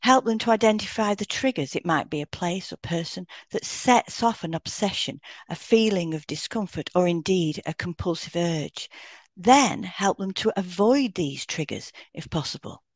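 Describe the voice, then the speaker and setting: Reading scripted material in turns, this hypnotherapist and podcast co-host explains educational topics in an instructive, animated way at normal speed. Her voice is on the low side, and there's no echo.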